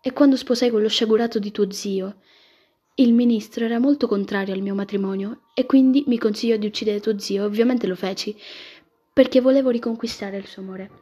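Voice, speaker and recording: A woman voicing a stern, disapproving older aunt who shouts her refusals, in a storybook reading. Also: fairly high pitch, steady tone, brisk, slightly rough, highs cut off. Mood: confessing.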